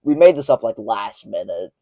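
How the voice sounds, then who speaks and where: A man's voice: lowish voice, very animated, normal speed, warm tone, no echo. Rambling young man on a clip-on mic. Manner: rambling, lots of fillers and restarts. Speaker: video creator. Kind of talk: casual commentary. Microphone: small clip-on lapel mic, recorded on a phone.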